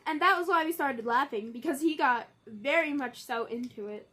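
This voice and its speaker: A young woman chatting playfully to camera as a vlogger, full of quick asides and jokes, swinging between lively bursts and low, mumbled stretches. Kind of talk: casual chat to camera.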